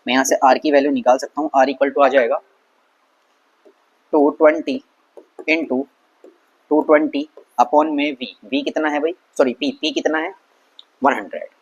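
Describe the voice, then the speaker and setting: A man with a slightly higher voice teaches a school science lesson in a casual, conversational tone. He keeps asking questions aloud and answering them himself, sprinkles in English terms and slows down when reading English text. He sounds like a friendly tutor working through a problem on a board. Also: fairly even intonation, breathy edge, dull audio. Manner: conversational, asks and answers his own questions; mixes English terms and reads English text slowly.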